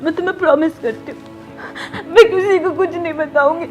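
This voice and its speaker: Woman playing a frightened young captive, very high voice, pleading, sobbing, crime drama. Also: steady tone, fairly quick, dull audio, soft background music. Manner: desperate, pleading through sobs. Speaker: actor in a crime reenactment.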